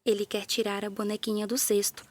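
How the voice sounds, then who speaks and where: A woman with a Brazilian Portuguese accent narrating a children's story in a gentle, playful way, with little sound effects. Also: mid-range voice, level tone, fairly quick.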